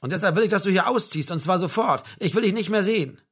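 A man reading an audiobook, voicing an agitated young man who accuses and shouts at his flatmate. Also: high-pitched, fast talker, breathy edge, voice pushed up, heavily acted. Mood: bitter, accusing. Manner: shouting, hurt, jabbing.

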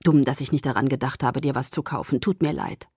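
A woman voicing a caring middle-aged father in an audiobook, gently teasing and awkward about feelings. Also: rumbling low, fairly quick, husky, no echo, clean studio sound, voice pushed down, heavily acted. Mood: soft. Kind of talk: audiobook character voice.

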